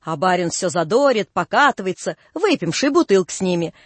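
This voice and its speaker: A woman's voice: lowish voice, very animated, a little fast, no room sound. A woman voicing a pious, grumbling old carpenter who tells stories in folksy old-fashioned speech. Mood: storytelling.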